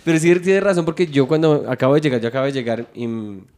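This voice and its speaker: A man's voice: medium pitch, fast talker. A man with a Bogotá Colombian accent, telling a story in a casual comedy chat and slipping into mimicked accents. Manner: animated storyteller who slips into mimicked accents. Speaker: podcast host.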